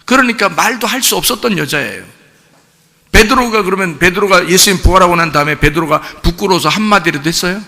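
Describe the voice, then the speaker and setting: Lively Korean pastor preaching in a hall. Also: male voice, sits high, fast talker, vocal fry. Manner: animated preaching, asks the congregation questions and acts out quotes. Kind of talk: sermon. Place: church sanctuary. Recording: church hall reverb.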